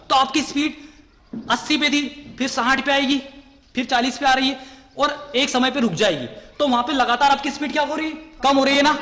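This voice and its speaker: A man's voice: very high-pitched, pushed and bright. A man teaching a physics class, often repeating a question and then answering it himself. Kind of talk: classroom lecture. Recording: echoey room with long reverb.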